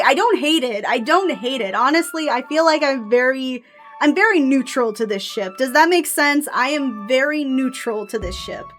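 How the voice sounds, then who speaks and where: Over background music, a woman speaks in a high, slightly bright voice as the host of a video essay. Her fan commentary is opinionated, casual, and full of self-questioning.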